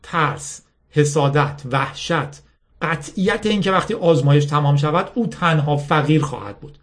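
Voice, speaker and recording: Man reading a novel aloud. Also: fairly bright tone. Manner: reads dialogue with lifted pitch, pauses to explain terms. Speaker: narrator.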